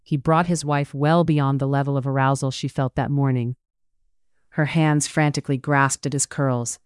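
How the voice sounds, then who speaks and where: A narrator reading a romance novel aloud in a measured, steady way. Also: medium pitch, clear, resonant tone, no room sound, studio quality. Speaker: audiobook narrator.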